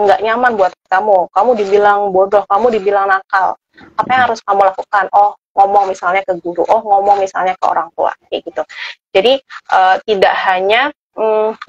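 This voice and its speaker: A woman's voice: medium pitch, no room sound. Dull, dry recording of a chatty woman expert. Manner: relaxed, full of "eh" fillers and "gitu" tags. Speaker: parenting expert guest. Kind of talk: conversational interview explanation.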